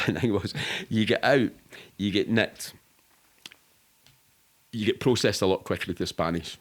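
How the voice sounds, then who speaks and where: Speaking at a measured pace in a lowish voice, this middle-aged podcast guest with a Glasgow Scottish accent rambles casually through his stories. He is open and swears freely.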